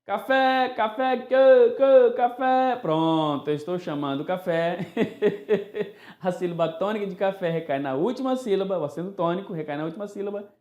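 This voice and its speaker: A male teacher giving a grammar lesson, animated and playful, sometimes calling words out in a singsong voice to show the stressed syllable. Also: sits high, fairly quick, reverberant.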